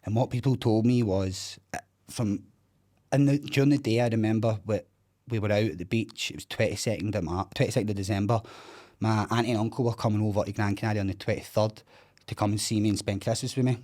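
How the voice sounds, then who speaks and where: Quick-paced and steady, with a voice on the low side, this Scottish man in his thirties bluntly relates his own story in a casual interview. He calls himself a loudmouth and swears freely.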